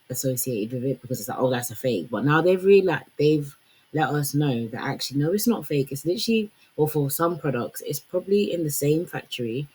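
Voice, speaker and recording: A woman's voice: extremely low pitch, darkish tone, breathy edge, poor audio. A young woman giving casual commentary on fashion and branding, chatty and full of fillers. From Congolese heritage. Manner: conversational, lots of fillers like "like" and "you know".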